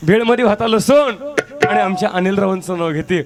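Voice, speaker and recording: A man's voice: on the high side, fairly even intonation, fast talker, a crowd in the background, lightly acted. A man performing a cheeky newly married village bride in folk devotional theatre, reciting rhyming verses in a teasing sing-song manner. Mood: playful.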